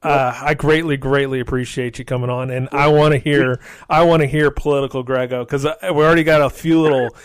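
A man hosting a casual podcast as a beginner, speaking in a halting, self-deprecating way with frequent restarts. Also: mid-range voice, fairly even intonation, smooth, no room sound. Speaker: novice podcast host.

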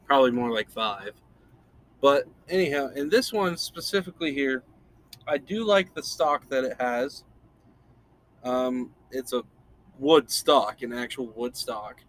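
A man's voice: mid-range voice, expressive, measured pace, fairly bright tone. Laid-back, rambling male podcast host. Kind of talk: casual chat.

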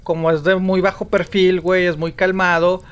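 Laid-back Mexican co-host, jokey. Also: male voice, high voice, little pitch movement, normal speed, smooth. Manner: laid-back, jokey, peppers speech with "güey". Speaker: podcast co-host. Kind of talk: casual podcast banter.

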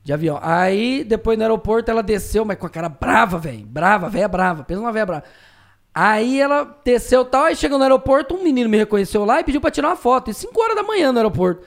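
A man with a high voice talks at a rapid clip, spinning profane, slang-filled stories in a casual podcast conversation. He is a streamer guest, and his animated telling breaks into sudden shouted outbursts. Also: vocal fry.

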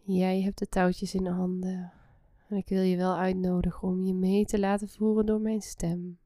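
A woman guiding a relaxation meditation in a soft, soothing, breathy half-whisper. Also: on the low side, flat delivery, moderate pace, no room sound, clean studio sound. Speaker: guided meditation host.

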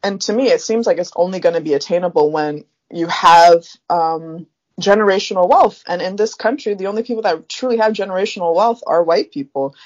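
A woman's voice: lowish voice, brisk, highs cut off. A young woman from Africa co-hosting a podcast, talking through her thoughts in a reflective way with plenty of fillers. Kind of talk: casual chat.

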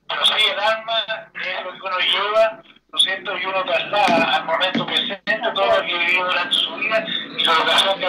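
A man's voice: high-pitched, heavy background noise. A man from Chile, calling in to a radio show over the phone, speaking formally and courteously with hesitant fillers. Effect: heard over a phone line. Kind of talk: call-in comment on a radio show. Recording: roomy, distant phone call.

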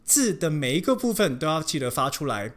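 An English pronunciation teacher giving a language lesson, explaining in Mandarin and modeling English words slowly and repeatedly. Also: medium pitch, very animated. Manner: switches between Mandarin explanation and English examples.

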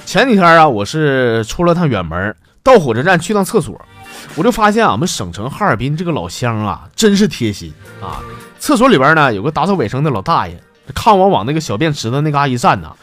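Animated joke-telling man with Northeastern Mandarin accent. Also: on the high side, brisk, faint music behind. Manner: chatty, folksy, animated. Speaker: comedy show host. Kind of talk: storytelling joke monologue.

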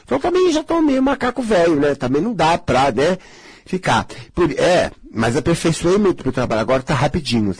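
A man's voice: a little high, very animated, a little fast, husky, no room sound. A man in his sixties from Brazil, a spiritual healer talking casually and bluntly, acting out the voices of others. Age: 60s.

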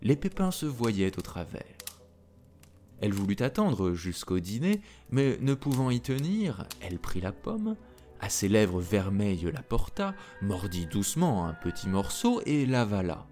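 A male storyteller reading a fairy tale slowly, with a voice that rises and falls dramatically. Faint music plays behind him. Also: fairly low pitch. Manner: expressive, dramatic. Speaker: narrator.

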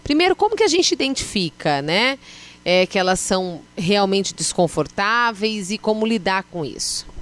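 A woman's voice: medium pitch, sing-song, moderate pace. A woman hosting an interview, introducing the topic and briefly agreeing with her guest. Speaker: interview host. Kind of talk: conversational interviewing.

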